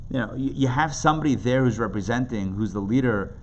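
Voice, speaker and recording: Speaking quickly in a mid-range, darkish voice with the highs cut off, a rabbi leads an interactive indoor class, explaining texts in plain talk. He stresses points by repeating phrases and asking rhetorical questions, and background noise runs through the live recording.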